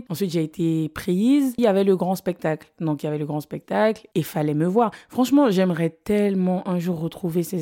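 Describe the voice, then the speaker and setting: A young woman from French Guiana with a low, slightly husky voice, chatting casually and laughing as she hosts her own podcast. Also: mellow. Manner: chatty, laughs often, many fillers. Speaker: podcast host. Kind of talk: casual solo podcast storytelling.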